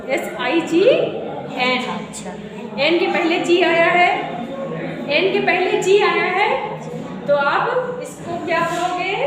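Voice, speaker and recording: A woman with a cold giving a classroom lesson as an English teacher, who keeps asking her pupils questions and answering them herself. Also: extremely high pitch. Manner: repeats questions to pupils, calls them beta. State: has a cold. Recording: echoey room from far off, noisy.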